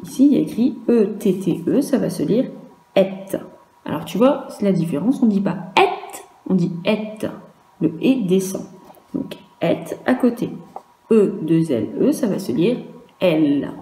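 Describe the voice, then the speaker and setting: A woman with a French accent teaching young children, speaking slowly and patiently, drawing out sounds and asking questions aloud. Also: fairly low pitch, expressive, dark tone, roomy sound. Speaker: primary school teacher. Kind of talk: recorded virtual class lesson for young children.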